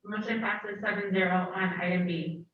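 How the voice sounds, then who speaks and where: A woman's voice: mid-range voice, fairly even intonation, moderate pace. A woman calling the roll and reading aloud at a city meeting over a remote connection whose audio keeps garbling and breaking up. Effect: garbled, breaking-up remote call audio. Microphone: remote call into the meeting. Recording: muffled, distant, very echoey remote line with faint hiss.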